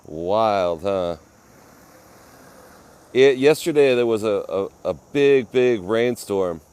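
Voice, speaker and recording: Out at a garden cafe, a man streams live from his phone through an ear-worn mic, rambling casually and welcoming viewers by name. His voice is lowish, smooth and darkish, with lively intonation, and he takes his time.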